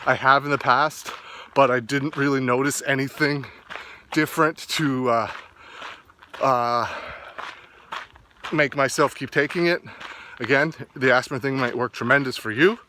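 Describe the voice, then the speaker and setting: A man talking casually to a vlog while walking outdoors, rambling and often pausing to find his words. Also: mid-range voice, fairly even intonation, sharp tone, a little hiss or hum. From east coast of Canada. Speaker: fitness vlogger.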